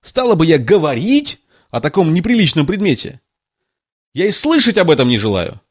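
A man voicing a touchy, indignant little female mouse with a shrill, squeaky voice in a storybook reading. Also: big pitch swings, moderate pace.

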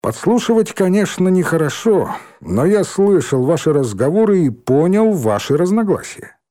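A man voicing a menacing teenage bully boy who speaks with oily mock-politeness and drawn-out words. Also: sits high, big pitch swings, dark tone, voice pushed up.

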